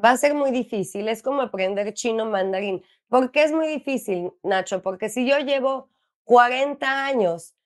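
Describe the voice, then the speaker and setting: A woman's voice: fairly high pitch, normal speed. A middle-aged woman with a Mexican accent, an ADHD coach for parents, explaining earnestly in an interview and asking herself questions that she then answers. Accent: Mexican Spanish.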